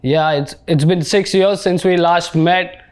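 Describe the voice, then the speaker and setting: A man's voice: on the high side, fairly even intonation, unhurried, clean tone. A man hosting a casual podcast interview in an informal, slangy way. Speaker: podcast host.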